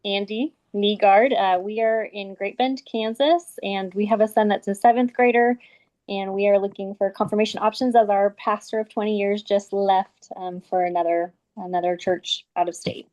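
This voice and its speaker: A woman's voice: medium pitch, fairly even intonation, moderate pace, darkish tone, low-quality recording. Mother introducing herself on a call. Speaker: parent joining a call. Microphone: video call.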